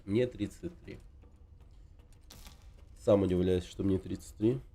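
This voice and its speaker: A man in his thirties from Russia chats loosely with viewers on his game stream. His voice sits a little low. He rambles along with plenty of filler words and never hurries. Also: fairly even intonation, slow pace, dark tone. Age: 30s. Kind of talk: casual stream chat.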